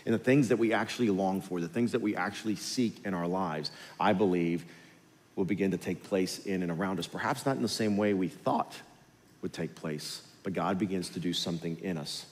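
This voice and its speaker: A male pastor giving a sermon, telling the story with lively, animated delivery and acting out the characters. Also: deep voice, brisk. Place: large church hall. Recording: hall reverb with faint music.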